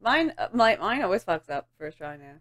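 A woman's voice: medium pitch, sing-song, moderate pace, fairly bright tone. A woman co-hosting a podcast in casual chat, giggly and rambling, filling her talk with "like" and trailing off. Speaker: podcast co-host.

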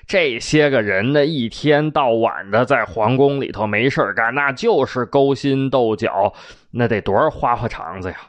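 A man's voice: mid-range voice, moderate pace. A man with a Beijing accent telling old folk legends, chatty and addressing his listeners directly with colloquial asides. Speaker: storyteller. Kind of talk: folk-tale storytelling to listeners.

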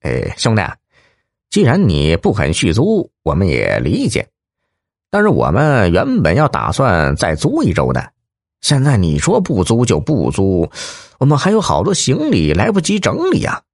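Fields: Sex: man. Figure: a tall, gruff, bossy male kidnapper voiced in an audiobook. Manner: blustering and swearing. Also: on the low side, huge pitch swings, moderate pace, no echo, clean studio sound, full character voice. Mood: gruff, scheming. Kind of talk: audiobook character voice.

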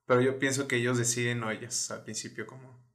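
A man's voice: mid-range voice, fast talker. Outgoing young Mexican man, slangy. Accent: Mexican Spanish. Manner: outgoing and joking, relaxed slang. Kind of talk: casual chat.

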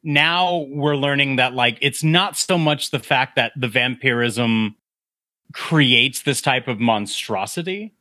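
A man with a bright, forward voice hosts a casual film discussion. He talks in an animated way and slips into breathy whispered quotes. The sound is close and dry. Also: mid-range voice, takes it slowly, no room sound. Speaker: podcast host.

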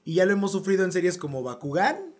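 A man's voice: sits high, sing-song, fast talker. Man explaining in casual panel chat. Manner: explanatory, conversational, with hesitation fillers.

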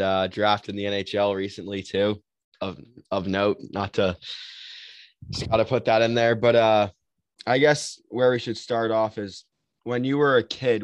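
A man's voice: lowish voice, clean tone, dry recording. A man hosting a podcast, asking long rambling questions in a casual way. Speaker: podcast host.

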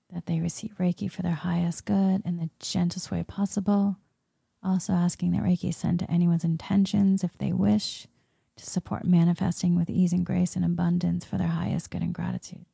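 Female meditation leader; soothing half-whispered murmur, very dark mellow tone, dry close sound. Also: on the low side, no echo. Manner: soft, breathy, soothing spa-like murmur, often slipping into whisper. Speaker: guided meditation leader, Reiki healer. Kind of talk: soft guided meditation.

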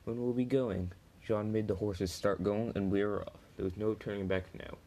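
A man's voice: on the low side, level tone, normal speed, dark tone, rough recording. A man reading a first-person story aloud, plainly, with small slips and restarts.

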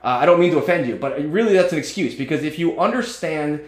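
A man's voice: fairly high pitch, lively intonation, quick pace, roomy sound. A man in his forties, a strength coach and podcast host, talking bluntly and joking in casual chat. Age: 40s.

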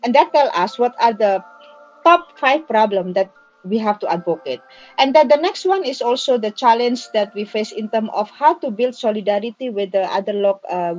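A woman speaks in a fairly high voice. She sounds like a seasoned campaigner giving an impassioned interview answer, stressing and repeating key phrases, with music in the recording. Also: highs cut off. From Indonesia. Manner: emphatic, explanatory, repeats phrases for emphasis. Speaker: migrant workers' organizer and activist.

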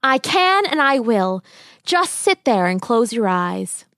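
A woman voicing a high, lilting forest sprite. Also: sing-song, slow pace, a bit bright, no room sound, clean studio sound, exaggerated voice. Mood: kind. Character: small cheerful magical female forest sprite.

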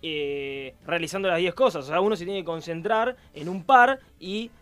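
High-voiced, measured man. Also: a bit bright, clean tone, soft background music. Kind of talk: radio panel debate.

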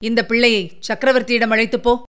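Brief: a woman playing a proud middle-aged commander in a radio story, curt and commanding, fairly high-pitched. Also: fairly even intonation, brisk, smooth, lightly acted. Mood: brusque.

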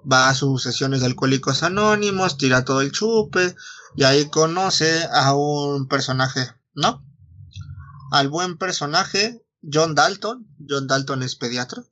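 A man's voice: on the high side, unhurried, pushed and bright. A young man with a Mexican Spanish accent retelling a novel in casual chat, full of slang and swearing, saying "güey" at every turn. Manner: slangy, swears often, says "güey" constantly, restarts lines.

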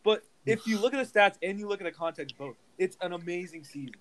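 A man's voice: sits high, animated, quick pace, low-quality recording. A man in a casual sports debate podcast, talking hesitantly with restarts, defending his picks. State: voice cracking. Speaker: podcast co-host.

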